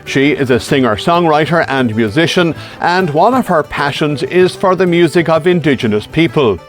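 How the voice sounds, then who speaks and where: A man hosting a local TV show, reading a formal introduction in a measured way and then asking interview questions. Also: fairly high pitch. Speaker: TV show host.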